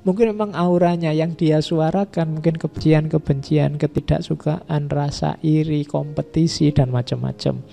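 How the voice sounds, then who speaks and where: A man giving a relaxed, conversational philosophy lecture in a mosque, listing ideas one by one. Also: fairly high pitch, moderate pace, creaky, few pauses, faint music behind. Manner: conversational, repeats and lists ideas. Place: mosque hall.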